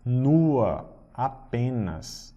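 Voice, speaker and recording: A man teaching German, explaining patiently and reading German phrases slowly. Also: medium pitch, very animated, mellow. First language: Portuguese. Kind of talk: recorded language lesson.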